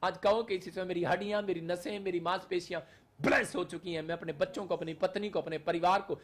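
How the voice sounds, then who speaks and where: A man's voice: sits high, steady tone, fast talker. A male pastor leading a fervent prayer sermon, calling out short repeated declarations for the congregation to say after him. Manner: leads the audience in repeated call-and-response declarations.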